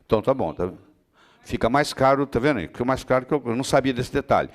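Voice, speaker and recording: A man's voice: mid-range voice, expressive, fast talker. A man giving a medical lecture to students, answering their questions with everyday analogies and often checking that they understand. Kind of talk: classroom lecture with Q&A.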